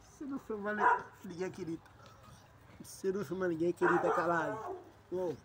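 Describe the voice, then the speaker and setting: A man's voice: high-pitched, lively intonation, a little fast, vocal fry, very noisy. A man talking affectionately to his dog in baby talk, laughing and cursing. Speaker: dog owner filming his pet. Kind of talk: casual home video talking to a dog.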